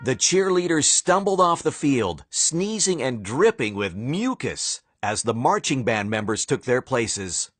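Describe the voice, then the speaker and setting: Man reading a children's storybook, slow, very lively pitch, playful, dramatic pauses, dry close sound. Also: no echo. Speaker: narrator.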